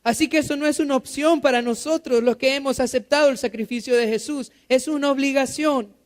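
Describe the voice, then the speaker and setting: Very high-voiced male pastor preaching. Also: steady tone, fairly quick. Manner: asks the congregation rhetorical questions and repeats key phrases. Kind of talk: sermon. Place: church.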